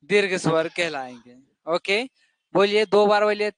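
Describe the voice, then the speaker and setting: A man's voice: high voice, unhurried, clean tone, no room sound. Man teaching a class, dry room sound. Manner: repeats questions to the class, drills answers. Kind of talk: classroom lesson.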